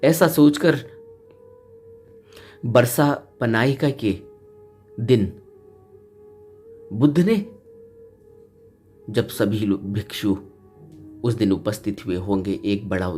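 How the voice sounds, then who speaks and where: Man, spiritual discourse, low voice, earnest and repetitive, soft flute music behind. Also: slow pace, long pauses. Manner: earnest, repeats phrases for emphasis, rises in pitch for key points. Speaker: spiritual teacher. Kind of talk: Hindi dharma discourse retelling a Buddhist story.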